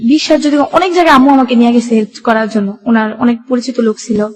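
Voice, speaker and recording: A young woman with a Bangladeshi Bengali accent, appearing as a guest, narrates her life story in colloquial run-on sentences full of reported dialogue. Her voice is a little high and slightly mellow, with a steady tone and quick pace, over soft background music.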